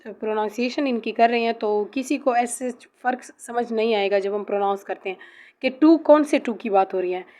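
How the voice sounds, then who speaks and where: Woman teaching grammar, slightly high. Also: a little mellow. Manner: explains slowly, reads definitions aloud, pauses with fillers. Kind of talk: test-prep grammar lesson.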